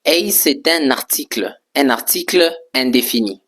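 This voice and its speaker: A man gives an English lesson in French, speaking slowly and deliberately. He repeats each word several times and stops often to hesitate mid-sentence. His pitch sits in the middle range. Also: lively intonation, a bit bright, a little hiss or hum. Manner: slow, patient, repeats words and spells them out; frequent hesitations with "euh". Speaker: English teacher.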